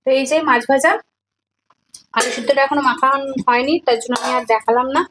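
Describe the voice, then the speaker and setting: In this home vlog, a young woman with a high, slightly bright voice talks fast and steadily while chatting with viewers. She keeps cooing at her child in baby-talk, and a little background noise can be heard.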